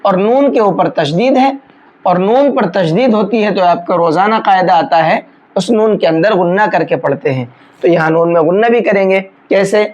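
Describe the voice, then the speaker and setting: A Quran recitation teacher giving a tajweed lesson, explaining each rule patiently step by step and breaking into slow, drawn-out chanted recitation of single words. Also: medium pitch, a little mellow, muffled recording.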